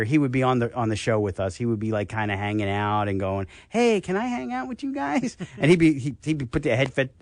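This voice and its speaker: An older man with a New York accent, hosting a radio health talk show and telling stories in a casual, animated way. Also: mid-range voice, no room sound, clean studio sound. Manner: animated storyteller, acts out voices.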